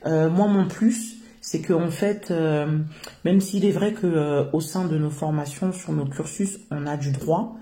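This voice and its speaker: Middle-aged french woman, mellow soft tone, lots of ums, earnest about her work. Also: low-pitched, steady tone, a little slow. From France. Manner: hesitant, many filler sounds, earnest. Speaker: founder of a social work business. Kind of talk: interview answers.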